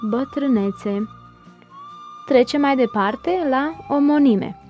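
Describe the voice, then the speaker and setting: A woman's voice: fairly high pitch, a little mellow. Woman reading a grammar lesson. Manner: reads word pairs in a slow list. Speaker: grammar teacher. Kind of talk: scripted grammar lesson narration.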